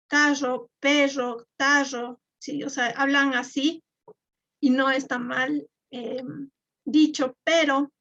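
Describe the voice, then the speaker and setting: A woman, teaching a live online class and explaining step by step with fillers and repeated words. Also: high voice. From Ecuador. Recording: dull lo-fi.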